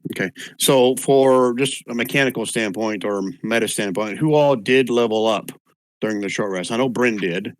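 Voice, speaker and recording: A man with a fairly low voice serves as game master. He talks casually as he narrates and organises a tabletop game, and the sound is dry and close. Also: moderate pace, no room sound, rough recording.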